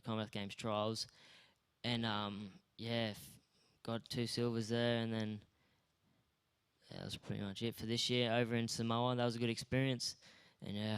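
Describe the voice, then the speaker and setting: Young aussie guy on stage at a school awards night, easygoing, rambly, flat voice. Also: lowish voice, clean tone. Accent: Australian. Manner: laid-back, modest, rambling with fillers. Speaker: guest athlete. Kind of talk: interview on stage.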